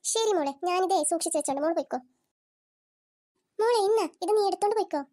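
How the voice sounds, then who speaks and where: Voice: animated, quick pace, dark tone. A performer voicing a bossy, scheming middle-aged mother-in-law in a cartoon, coaxing and sly. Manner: fussing, coaxing, then shrill and alarmed. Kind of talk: cartoon voice acting.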